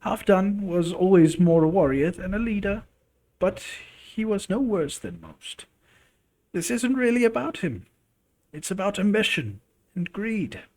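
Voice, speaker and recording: A man voicing an older woman, a wise and worried clan mother, with earnest, gentle advice in a role-playing game. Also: high-pitched, lively intonation, unhurried, pitched above the performer's own voice.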